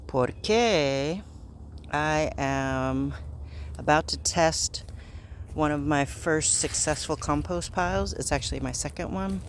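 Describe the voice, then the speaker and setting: A man narrating a casual vlog outdoors in a garden, thinking aloud in a halting way. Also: mid-range voice. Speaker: gardening vlogger. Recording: outdoor ambient noise.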